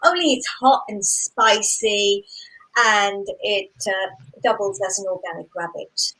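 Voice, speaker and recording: A woman's voice: mid-range voice, unhurried, sharp tone, poor audio. A woman from Zambia doing a stand-up comedy set, with punchy delivery and playful self-mocking asides.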